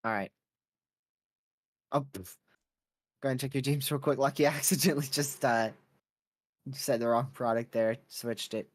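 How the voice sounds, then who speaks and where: A man's voice: mid-range voice, moderate pace, long pauses. Man giving casual live storm commentary. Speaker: weather livestream host.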